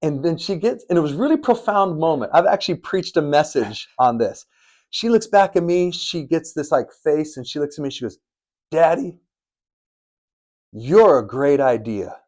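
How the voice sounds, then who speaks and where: A man's voice: on the high side, lively intonation, a little fast, darkish tone. A middle-aged man co-hosting a faith podcast, telling stories in an earnest, preachy way. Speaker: podcast co-host. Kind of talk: faith-based podcast chat. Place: studio in Arizona.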